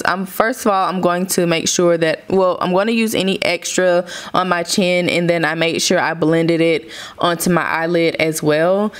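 A young woman casually narrating her makeup routine step by step, chatty and relaxed. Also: lowish voice, clean tone. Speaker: beauty vlogger. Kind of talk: makeup tutorial voice-over.

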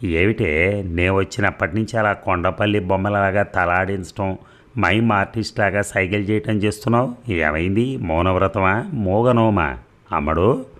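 A man's voice: deep voice, moderate pace, a bit bright. Man doing a nosy, prying older aunt. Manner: fussy, prying questions.

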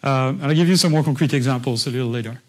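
A man's voice: medium pitch, very fast, rough recording. A man lecturing a university class, explaining patiently in a conversational way and often checking in with his listeners. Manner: conversational, with frequent restarts.

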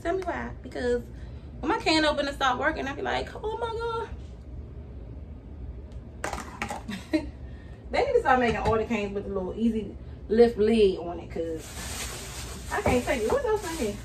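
A woman's voice: high voice, very animated, normal speed, long pauses. Chatty woman vlogging from her kitchen. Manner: chatty, addresses viewers as y'all. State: hot and sweaty. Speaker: vlogger and mother. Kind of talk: casual grocery haul vlog. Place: home kitchen, indoors. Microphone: camera on the counter, at a distance. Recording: distant camera mic, noisy room.

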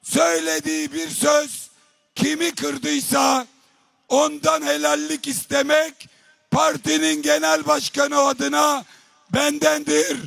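A politician giving a slow, emphatic, shouted rally speech into a podium microphone in an open public square. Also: male voice, very high voice, little pitch movement, gravelly, no echo. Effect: speaking into a podium microphone at a rally.

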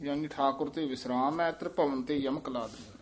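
A man teaching how to recite scripture, reading lines slowly and then briefly explaining where to pause and stress. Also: mid-range voice, a little hiss or hum. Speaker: Gurbani pronunciation teacher. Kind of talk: Gurbani recitation lesson.

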